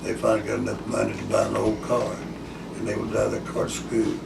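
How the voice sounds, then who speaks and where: An elderly man telling a rambling grandpa story in casual, folksy, halting talk. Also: fairly low pitch, little pitch movement, gravelly. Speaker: war veteran recalling his school days. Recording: echoey room, distant mic, loud hiss.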